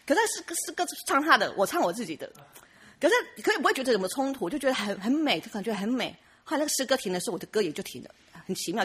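A woman tells her church testimony in a chatty, rambling way, often restarting and laughing. She talks quickly, and her voice is husky. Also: medium pitch, fairly bright tone. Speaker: church member giving a testimony. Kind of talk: personal testimony.

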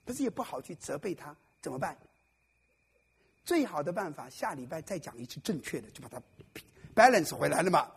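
Before a live congregation at a church service, a pastor preaches playfully, joking and quizzing his listeners. His voice is fairly high, sing-song, creaky and husky, moving a little fast with frequent pauses.

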